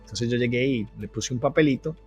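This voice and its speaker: Male guest, earnest testimony storytelling, average pitch, soft music under. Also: fairly quick, lo-fi sound. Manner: earnest storytelling, frequent restarts. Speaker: guest telling his testimony. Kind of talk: personal testimony in an interview.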